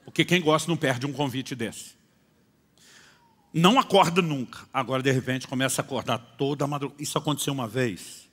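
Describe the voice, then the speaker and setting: A male pastor preaching a sermon, telling stories and acting out dialogues, moving between hushed and loud delivery. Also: mid-range voice, fairly quick, husky. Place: church conference hall. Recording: long hall reverb.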